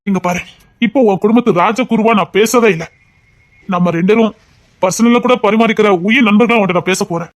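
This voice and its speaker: A man reading an audio story, voicing a blunt, fiercely loyal royal priest who urges and warns his old friend, rising to loud outbursts. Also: high voice, a little fast, natural voice. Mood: earnest. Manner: urgent, warning, grows loud.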